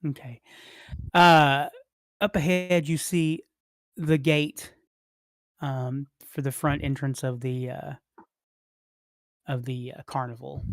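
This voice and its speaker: A game master narrating a tabletop game in a halting, rambling way with many restarts. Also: medium pitch, flat delivery, no room sound, studio quality.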